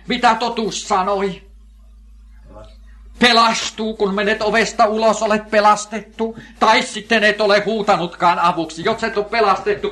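A man's voice: sits high, bright, forceful tone. An older man preaching a sermon, emphatic, asking questions and answering them himself, repeating key phrases.

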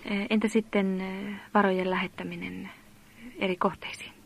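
A woman interviewing a guest, asking deliberate questions with slight stumbles. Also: medium pitch, flat delivery, gravelly, husky.

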